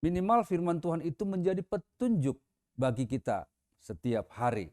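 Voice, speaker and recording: A man's voice: on the high side, big pitch swings, normal speed, dark tone. A man, a pastor, preaching a Sunday sermon in a conversational way, with casual examples. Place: church.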